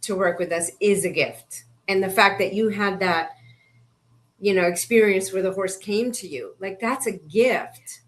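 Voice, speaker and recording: A woman's voice: medium pitch, unhurried. Earnest, affirming woman horse coach. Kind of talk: casual interview conversation.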